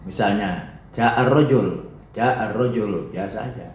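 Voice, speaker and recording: Slow-spoken Indonesian man teaching Arabic. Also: on the low side, darkish tone, a little hiss or hum. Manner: slow, reads Arabic text aloud and explains it line by line; acts out example sentences with rising and falling intonation. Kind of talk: classroom lesson. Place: classroom. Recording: echoey room, dull lo-fi sound.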